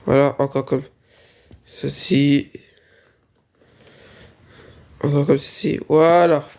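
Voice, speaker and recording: Narrating a casual Minecraft building tutorial, the creator sounds slightly ill, sneezing and hesitating while repeating "voilà" and "on continue." The medium-pitched voice is a little mellow, fairly even in intonation, and unhurried.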